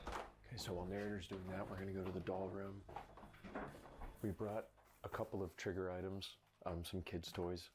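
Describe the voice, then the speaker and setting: A man on a ghost hunt explaining the trigger items in a relaxed, joking way. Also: deep voice, moderate pace, background noise. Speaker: ghost hunter. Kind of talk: casual paranormal investigation vlog. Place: indoors in an old inn.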